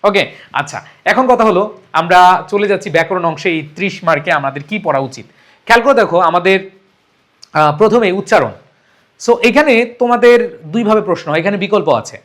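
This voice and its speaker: A man's voice: high voice, expressive, moderate pace, pauses often, fairly bright tone. A young man teaching an exam-prep lesson, emphatic and repeating key points while mixing in English words. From Bangladesh.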